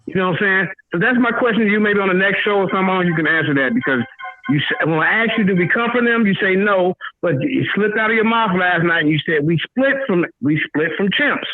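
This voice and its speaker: A man calling in to a talk show, asking a rambling, halting question. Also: sits high, lively intonation, no echo. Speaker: caller. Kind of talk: casual call-in talk. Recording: tinny phone line.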